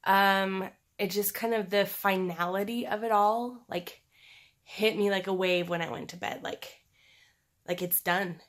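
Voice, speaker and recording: A woman with a scratchy, sore-throat voice talking in a halting, candid, conversational way, as in a casual personal video diary. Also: mid-range voice, fairly even intonation. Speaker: personal vlogger.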